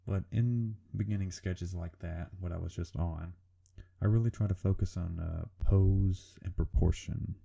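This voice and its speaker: A man with a rumbly, serial-killer-like voice, giving informal, hesitant, self-deprecating commentary over a drawing video, with casual swearing. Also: fairly even intonation, a little slow, gravelly, dark tone. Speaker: artist narrating a drawing video.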